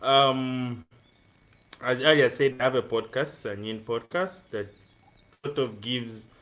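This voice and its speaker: A man's voice: mid-range voice, slow pace, a bit bright. A man in his twenties from Uganda, a student guest talking earnestly about his life on a live-streamed video call, with frequent ums. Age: 20s. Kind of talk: casual interview on a live stream.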